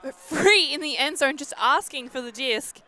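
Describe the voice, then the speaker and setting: A woman gives emphatic live colour commentary on a sports match as co-commentator and analyst, explaining the play from outdoors beside the field. Her high-pitched voice is expressive, bright and forceful at normal speed, with crowd, traffic and outdoor ambience behind her.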